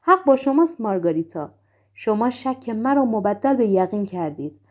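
A woman's voice: on the high side, big pitch swings. A woman voicing a fawning, effusive male henchman in a storybook reading.

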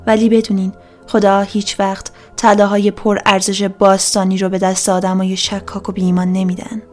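A woman voicing a domineering woman cult leader who poses as a goddess, loud and preaching. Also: mid-range voice, monotone, soft background music, natural voice. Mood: menacing.

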